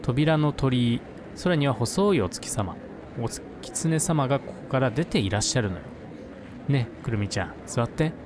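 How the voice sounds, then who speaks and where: A man reading the lines of a young schoolgirl who leads a fox-spirit ritual, in a gentle, coaxing way. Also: medium pitch, expressive, unhurried, noisy background, lightly acted. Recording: game music underneath.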